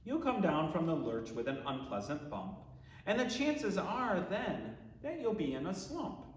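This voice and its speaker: A high-voiced pastor reads a rhyming children's book aloud with theatrical expression, his pitch swinging widely and each line carefully phrased. The recording is echoey, with long reverb surrounding his voice.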